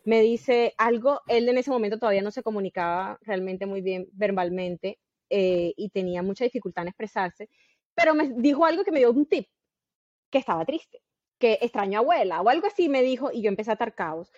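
A woman's voice: mid-range voice, lively intonation, fairly quick, a little mellow, no room sound. A woman, a podcast guest earnestly explaining parenting through long anecdotes. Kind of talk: casual podcast conversation. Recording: dull, dry sound.

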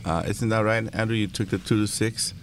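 A man's voice: lowish voice, fairly even intonation, brisk, slight background noise. A man, a rod-building guest, answering hesitantly with many fillers, off the microphone.

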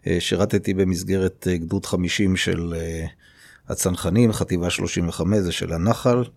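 Deep-voiced man, slow and hesitant. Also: steady tone, vocal fry, darkish tone, dry recording. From Israel. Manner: unhurried, many hesitation fillers. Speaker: podcast guest, city mayor. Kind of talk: conversational interview.

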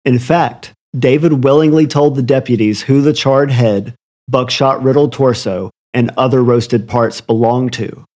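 A man's voice: mid-range voice, fairly even intonation, measured pace, darkish tone. A man narrating a scripted true crime story in an ominous, literary storytelling manner. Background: music under the voice.

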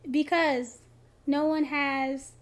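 A woman with a high, bright-pitched voice co-hosts a casual podcast. She talks in an easygoing way and keeps prodding with teasing questions. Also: steady tone, very slow. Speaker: podcast co-host. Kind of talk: casual chat.

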